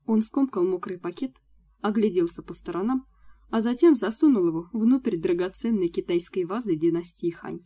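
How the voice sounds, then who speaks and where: A woman narrating a first-person audiobook in a steady, storytelling manner. Her voice is warm and mellow rather than bright. Her pitch is moderate. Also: moderate pace, slightly rough.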